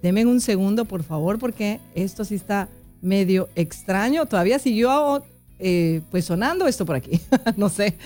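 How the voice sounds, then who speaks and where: A woman hosting a live online interview, talking in a warm, chatty way and often repeating herself. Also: mid-range voice, animated, moderate pace, faint music behind. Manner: warm, chatty, repeats herself while fixing tech trouble. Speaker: host.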